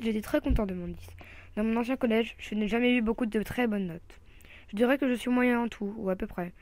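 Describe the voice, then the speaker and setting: A woman's voice: on the high side, dry recording. Woman reading a children's story aloud. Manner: lively first-person storytelling.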